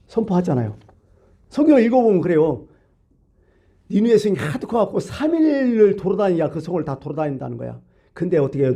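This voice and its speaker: Male preacher in church, animated storyteller, husky tone, rhetorical questions. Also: on the high side. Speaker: pastor. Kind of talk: sermon.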